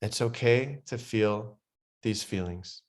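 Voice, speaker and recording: A man leading a guided breathwork meditation, speaking slow, soothing instructions that grow softer and quieter in the relaxation passages. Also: fairly low pitch.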